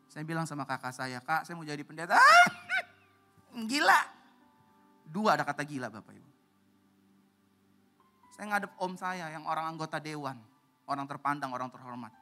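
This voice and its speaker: A man preaching a sermon as a pastor, animated and swinging from loud to hushed as he acts out other voices. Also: fairly high pitch, brisk, long pauses, faint music behind.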